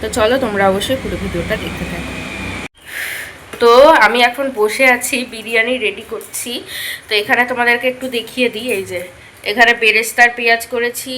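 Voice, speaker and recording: A young woman, chatting casually to viewers in a home cooking vlog, speaking softly at times. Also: a little high, slight background noise. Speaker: vlogger. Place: home balcony and kitchen.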